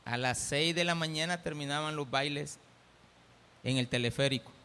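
Animated Salvadoran pastor preaching. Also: male voice, on the high side, normal speed, clear, resonant tone, big-room sound. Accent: Salvadoran Spanish. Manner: animated, acts out quoted voices. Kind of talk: sermon.

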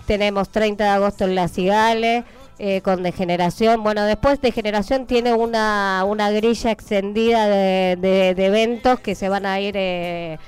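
A woman's voice: mid-range voice, steady tone, normal speed, darkish tone, clean tone. An Argentine woman on a radio interview, rambling through dates of upcoming shows with many hesitations. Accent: Argentine Spanish. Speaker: event producer and press agent.

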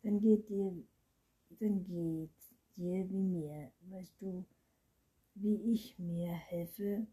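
Storybook boy vampire, mocking and hissy, breathy whispers; a woman reader voices him. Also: fairly low pitch, steady tone, drawn-out words, warm tone, heavily acted. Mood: teasing. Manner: hissing, teasing, often whispered. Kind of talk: storybook reading.

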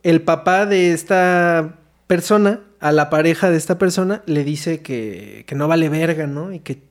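A young Mexican man with a high-pitched voice tells a story among friends. He talks in loose, slangy, profane bursts and slips into acting out the quotes. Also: unhurried. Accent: Mexican Spanish. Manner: slangy, swears a lot, acts out quotes. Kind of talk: casual chat.

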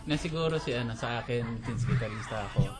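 A man's voice: mid-range voice, fast talker. A man who plays guitar in a band, chatting good-humouredly as a radio guest. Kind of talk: casual chat. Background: background music.

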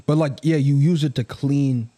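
Young adult male, mellow tone, loose rambling friend-to-friend banter with a teasing edge. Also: mid-range voice, fairly even intonation, moderate pace.

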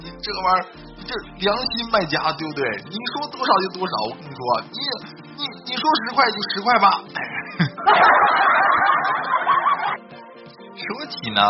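A man telling funny stories in a casual, rambling monologue, keeps checking in with the listener and often bursts into loud laughter at his own jokes. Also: high voice. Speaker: joke-telling host. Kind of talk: casual comedic storytelling monologue. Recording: dull lo-fi audio with loud background music.

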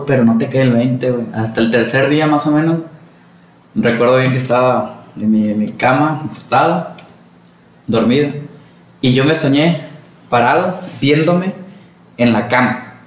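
A man with a Mexican Spanish accent, telling a personal story at a measured pace in casual podcast chat. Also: mid-range voice. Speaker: podcast co-host. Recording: echoey room, faint noise.

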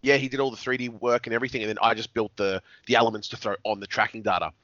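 A man hosting a podcast, asking quick, eager questions. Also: lowish voice, fairly even intonation, fairly bright tone, no echo. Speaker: podcast host. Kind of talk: casual podcast chat. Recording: dry, slightly dull sound.

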